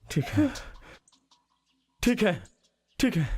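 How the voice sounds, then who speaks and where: An actor voicing a cruel gang member who taunts and threatens, in a dubbed film. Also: male voice, high-pitched, big pitch swings, drawn-out words, darkish tone, breathy edge, exaggerated voice. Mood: menacing. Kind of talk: Hindi film dub acting.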